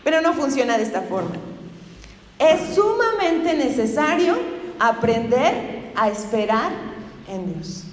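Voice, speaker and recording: A woman's voice: sits high, very animated, slow, long pauses. A woman preacher giving a conversational sermon in a church, often turning to the congregation with questions. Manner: chatty, keeps asking the congregation questions. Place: church hall. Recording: echoey hall with long reverb.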